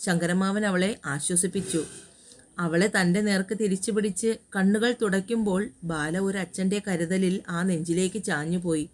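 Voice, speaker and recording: A woman narrating a romantic audio story in a calm, steady reading voice. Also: on the low side, normal speed.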